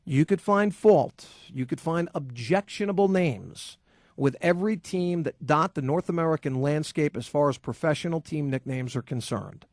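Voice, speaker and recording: A fairly high-voiced man hosts sports talk radio and rants with combative, sarcastic emphasis. His studio mic sounds dry and close, with no room around it. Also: normal speed, no echo. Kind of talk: opinionated talk radio rant. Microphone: studio microphone.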